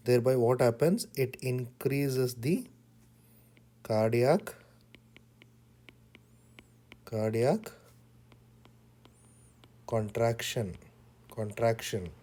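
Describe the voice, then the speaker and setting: Slow, mellow-voiced man lecturing. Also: medium pitch. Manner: repeats key words, speaks in short deliberate phrases. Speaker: pharmacology teacher.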